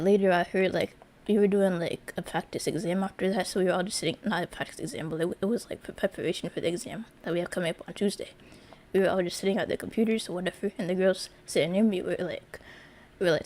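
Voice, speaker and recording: A woman's voice: mid-range voice, darkish tone. A young woman streaming live, telling a story to her chat in a rambling, casual way with lots of fillers and restarts. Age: young adult.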